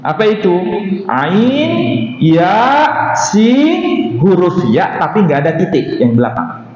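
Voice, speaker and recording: A man's voice: sits high, very animated, takes it slowly, a little mellow, slight background noise. A man teaching a religious study class, asking rhetorical questions and answering them himself. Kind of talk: mosque study lecture. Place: mosque hall. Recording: dull echoey hall recording.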